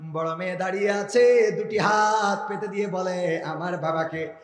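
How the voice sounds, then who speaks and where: A man preaching an Islamic sermon at an outdoor gathering, swinging between high shouted chant and low intimate speech. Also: normal speed, echoey room, in a large hall, soft background music. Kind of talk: rhythmic shouted waz sermon.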